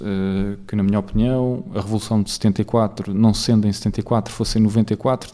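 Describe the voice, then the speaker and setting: A man's voice: mid-range voice, creaky, warm tone. A man from Portugal with a European Portuguese accent, hosting his own solo podcast in a casual rambling monologue full of fillers and tag questions. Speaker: podcast host.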